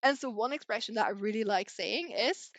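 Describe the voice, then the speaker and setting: A woman's voice: a little high, lively intonation, a little fast, a bit bright, no room sound. A young woman from Belgium, a native Flemish speaker with a slight Irish twang, chatting casually as a podcast guest and filling her talk with "like" and "you know".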